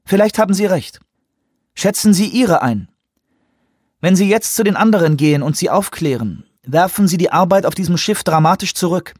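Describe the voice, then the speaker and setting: A controlled female commander, played by a male narrator, pleads and presses in measured, insistent phrases. Her voice sits noticeably higher with a husky grain, recorded dry and close. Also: animated, darkish tone, no echo. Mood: persuasive.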